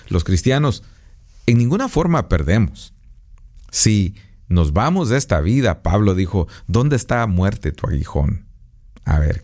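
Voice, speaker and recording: A man in his fifties preaching a radio devotional from a recording booth, earnest and pastoral, unhurried with pauses. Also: low voice, warm tone. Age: 50s. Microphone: studio microphone.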